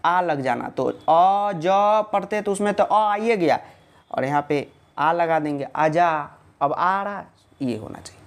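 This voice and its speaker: A male teacher gives a casual online video lesson. He keeps posing questions and answering them himself, and breaks in with jokes and reassurance for students. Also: fairly high pitch. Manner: chatty and joking, reassuring students.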